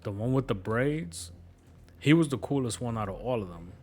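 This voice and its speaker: This gamer has a medium-pitched, warm, expressive voice and talks at normal speed with a New York accent. He chats casually on stream, wandering through stories and cursing freely.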